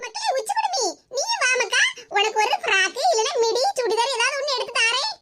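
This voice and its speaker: A woman's voice: very high-pitched, lively intonation, a little fast, very noisy. A woman doing a giggly, teasing cartoon daughter-in-law. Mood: mocking. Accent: Tirunelveli Tamil. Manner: mocking, sing-song teasing.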